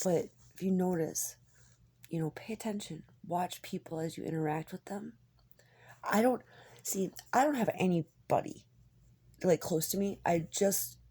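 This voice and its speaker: A woman in a rambling, confessional personal monologue, halting and candid, with a husky, gravelly voice that often drops toward a whisper. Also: fairly low pitch, warm tone. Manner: halting, hesitant, candid, swearing.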